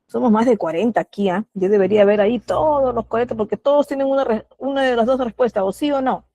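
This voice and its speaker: A woman's voice: a little high, fast talker, warm tone, muffled recording, slight background noise. A middle-aged woman with a Peruvian Spanish accent teaching an online class, patiently asking questions and calling on students by name.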